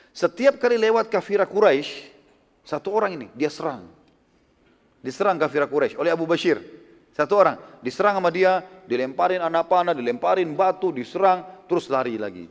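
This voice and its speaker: A man from Indonesia delivers a storytelling sermon, slipping in and out of the voices of the people in his tale. His voice sits a little high for a man. A long hall reverb trails behind every phrase. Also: brisk. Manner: lively retelling, acts out quotes with tag "gitu kan". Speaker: preacher. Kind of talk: storytelling religious lecture.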